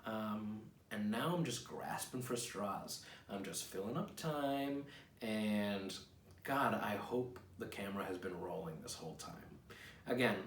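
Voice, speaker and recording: A mid-range, fairly bright male voice comes from an American writer in his thirties, casually presenting his own work in a rambling vlog with poem readings. He's wry and self-deprecating, sitting in a small home office where a camera mic a few feet away picks up roomy echo, a distant sound, and clear noise.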